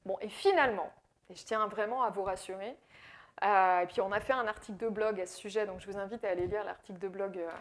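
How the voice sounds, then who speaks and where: An AI consultant from France gives a business talk in Quebec, her French accent clear as she explains with many fillers and repeated words. She keeps a medium pitch and steady tone at a quick pace.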